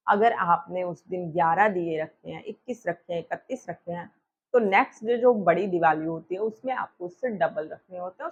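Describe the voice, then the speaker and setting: A woman's voice: lowish voice, husky. A woman astrologer with a sore throat explaining a festival worship ritual step by step, asking and answering her own questions with frequent fillers. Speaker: astrologer explaining Diwali puja. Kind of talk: instructional talk to viewers. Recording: dull, lo-fi recording.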